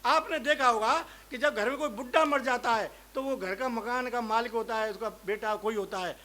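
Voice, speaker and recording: A man's voice: extremely high pitch, normal speed, sharp tone. A male comic poet, telling rustic village jokes on stage. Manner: rustic anecdotal joke-telling with dialect. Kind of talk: stage comedy storytelling.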